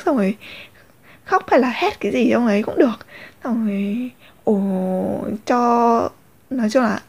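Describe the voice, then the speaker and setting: A woman's voice: on the high side, a little mellow. A young woman, rambling candidly in a casual confessional vlog. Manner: rambling, many fillers and restarts, candid. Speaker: vlogger.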